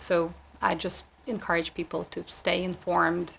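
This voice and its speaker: Flat, gravelly-voiced woman from Ukraine. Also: fairly low pitch, normal speed, slight background noise. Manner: earnest, with frequent fillers and restarts. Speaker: guest. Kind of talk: conversational interview answers. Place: community TV studio.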